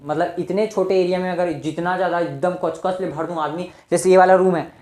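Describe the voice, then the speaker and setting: A man teaching a casual board-exam physics lesson. He keeps asking rhetorical questions and answering them himself, and repeats words for emphasis. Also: high voice. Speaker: physics tutor. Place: indoor room, teaching at a marker board. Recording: echoey room.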